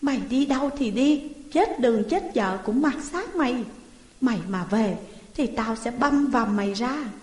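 A cruel, scheming sister-in-law from a spoken folk tale, read by a woman, harsh and scolding. The voice sits slightly high. It rings out with long, roomy reverb. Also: lively intonation, measured pace, a little mellow. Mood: furious.

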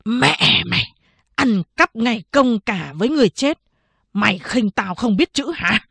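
A gruff old town chief barks and scolds in a slow, dry voice, as a woman reader puts him on. He sounds bossy and quick to anger. His voice sits fairly high for a man. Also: expressive, fairly bright tone, dry recording, exaggerated voice. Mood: scolding. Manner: barking, scolding.

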